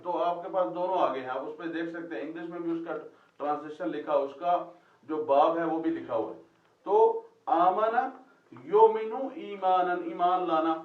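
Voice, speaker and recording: A man's voice: a little high, echoey room, muffled recording. A man teaching a class, quizzing students and repeating their answers back, recorded from a distance in a classroom. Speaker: Quran Arabic teacher. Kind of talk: classroom lesson with questions to students.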